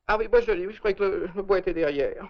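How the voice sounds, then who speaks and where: Un jeune acteur jouant un fiancé naïf et dépassé, hésitant et bafouillant, dans un vieux film. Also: male voice, sits high, fast talker. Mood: hesitant. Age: young adult. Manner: hesitant, fretful, stammering. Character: flustered naive young engaged man. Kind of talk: 1930s French film acting. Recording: dull lo-fi old film soundtrack.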